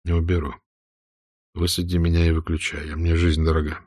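A man voicing a calm, quiet spy who answers with cold contempt. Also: fairly quick. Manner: quiet, low, near-whispered.

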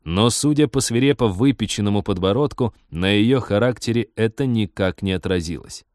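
A man narrating a humorous story in a measured, wry audiobook reading. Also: lowish voice, a little mellow, no echo, clean studio sound.

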